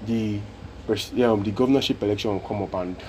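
Nigerian man, low voice, casual podcast talk. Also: fairly quick, darkish tone, a little hiss or hum. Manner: earnest, repeats points for emphasis. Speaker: podcast host.

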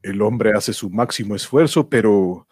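Low, husky male serial narrator. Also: measured pace, a little mellow, no echo, studio quality. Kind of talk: dramatic scripted radio serial narration.

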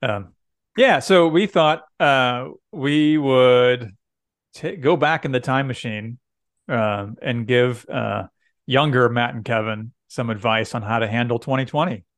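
A man's voice: mid-range voice, a little slow, no room sound, clean studio sound. A middle-aged man, a pastor co-hosting a podcast, talking casually with lots of fillers and easy laughs. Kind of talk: casual chat.

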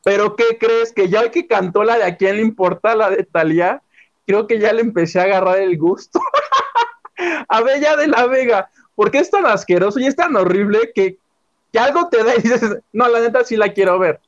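In a muffled recording, a man with a Mexican Spanish accent speaks at normal speed in a high, lively voice. He's a co-host of a casual entertainment chat, gossiping with drama about a TV singing show.

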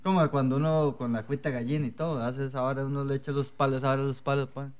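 A man with a Costa Rican accent in casual podcast chat, breaking in with slangy quick jokes. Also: medium pitch, level tone.

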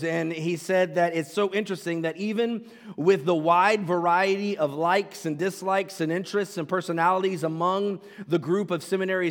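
A male pastor preaches an earnest sermon, restarting and repeating phrases as he builds to loud, emphatic declarations. His voice is a little high, and a long reverb tail trails each line.

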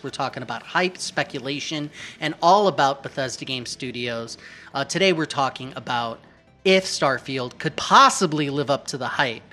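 Bright upbeat male podcast host. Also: a little high. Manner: upbeat, joking, hype-driven introductions. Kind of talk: casual podcast chat.

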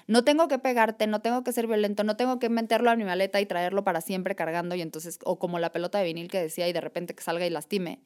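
A woman, a podcast guest in casual conversation, animated and reflective, often saying "o sea" and "¿sabes?". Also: medium pitch, fast, few pauses.

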